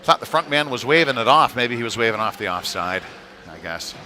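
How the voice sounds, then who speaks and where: Animated and brisk, a man with a medium-pitched, sharp-toned voice provides conversational commentary on a live amateur hockey game. He phrases things with slight hesitation against noisy arena sound.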